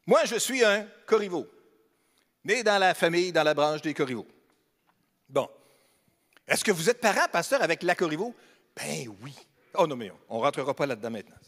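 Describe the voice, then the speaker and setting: A pastor from Quebec's Beauce region gives a conversational, humorous sermon in a church hall, speaking with a Québécois French accent and posing questions to the congregation. His slightly high, fairly bright voice is very animated, moves at a moderate pace and includes long pauses. Long hall reverb is audible.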